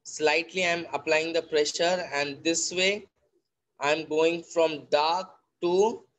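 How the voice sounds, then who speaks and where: A male art teacher with an Indian accent walks his online class through a pencil drawing, one careful step at a time. He speaks very slowly, going over each point twice and switching between English and Hindi. His voice sits a little high for a man. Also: steady tone, fairly bright tone. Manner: slow, repetitive step-by-step explaining, mixing English and Hindi.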